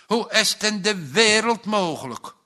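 A man's voice: sits high, animated, moderate pace, bright, forceful tone, pitched above the performer's own voice. A man doing a grumbling tired farmhand.

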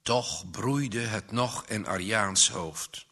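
A man reading a story aloud as narrator, in slow, measured storytelling. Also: on the low side, pushed and bright. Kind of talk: audiobook reading.

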